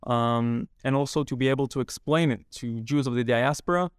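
A young man telling his story as a podcast guest in a measured way, with frequent pauses. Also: mid-range voice, clean tone, dry recording, studio quality. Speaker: guest, army reservist. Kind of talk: interview answers.

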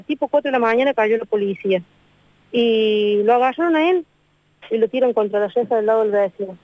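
A woman's voice: on the high side, dry recording. A woman in her thirties with an Argentine accent, telling her story on a radio show in a distraught way and repeating herself. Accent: Argentine Spanish. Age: 30s. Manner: distraught, repeats herself, talks in long rushed runs. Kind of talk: emotional phone interview. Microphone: phone. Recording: dry tinny phone line.

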